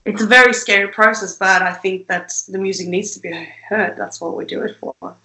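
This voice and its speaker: A woman's voice: mid-range voice, steady tone, a little fast, bright, forceful tone, roomy sound, rough recording. A young woman from Sweden, an independent musician, chatting casually as an interview guest with lots of fillers, restarts and laughs.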